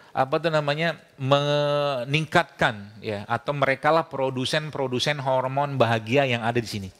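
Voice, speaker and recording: A man giving a lively, conversational sermon as a preacher and doctor. He jokes, laughs often and acts out the dialogue of his anecdotes. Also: medium pitch.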